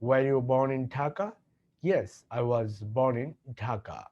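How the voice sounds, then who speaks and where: A man with a Bangladeshi accent teaching English, slowly repeating example questions and answers. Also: mid-range voice, dull audio. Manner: slow, deliberate repetition of example sentences. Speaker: English tutor. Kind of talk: language lesson with model dialogues.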